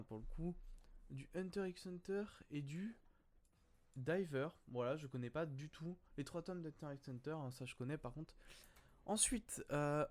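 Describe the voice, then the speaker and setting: Brief: young male YouTuber, fairly high voice, casual hesitant commentary. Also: darkish tone. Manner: hesitant, many fillers, thinking aloud. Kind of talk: casual commentary on viewers' photos.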